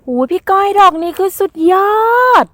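Thai woman, young adult, outdoor foraging vlog, excited exclamations, high lively voice. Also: normal speed, no echo. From Thailand. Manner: excited exclamations, counting finds aloud. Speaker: vlogger. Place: forest outdoors.

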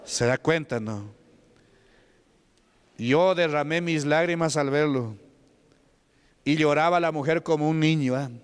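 A man's voice: on the high side, a little slow, long pauses, clear, resonant tone. A man with a Peruvian Spanish accent, a deacon preaching a testimony sermon, telling a story and asking the congregation questions. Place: church hall. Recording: long hall reverb.

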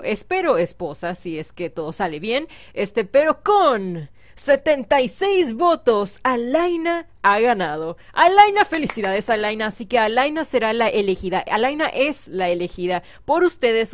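A young female gaming YouTuber gives chatty, playful commentary on a life-sim game, humming, singing along and talking to the characters. Her voice is medium-pitched, with no room sound.

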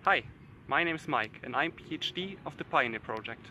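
Bright-voiced young man from Germany. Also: on the high side, expressive, moderate pace. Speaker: PhD researcher. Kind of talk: casual self-introduction. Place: outdoors on a campus lawn.

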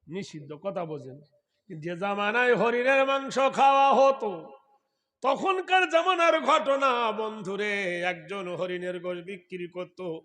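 A male Islamic preacher telling a sermon story, chanting scripture in long melodic lines and breaking into loud shouts. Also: high-pitched.

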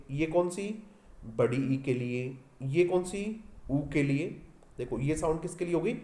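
A man's voice: on the high side, warm tone, reverberant. A male teacher with an Indian English accent giving an exam-prep lecture, repeating each point and quizzing his students as he goes.

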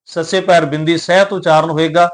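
A man teaching scripture recitation, slowly chanting each verse line and then calmly explaining its pronunciation, pauses and meaning. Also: on the high side. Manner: calm, explanatory, spells out pronunciation. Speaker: Gurbani teacher.

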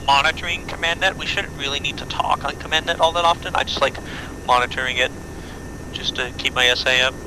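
A man's voice: fairly high pitch, fairly even intonation, fast. A man talking casually to his team as a pilot in a military simulation game, giving informal instructions. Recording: loud aircraft engine noise. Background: helicopter and aircraft noise.

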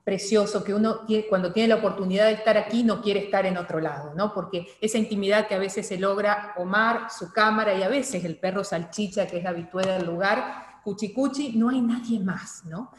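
A woman in her thirties, a television presenter, interviewing a guest with expressive questions. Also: medium pitch, moderate pace, hardly any pauses. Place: small studio room. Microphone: desk mic. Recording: echoey room with long reverb.

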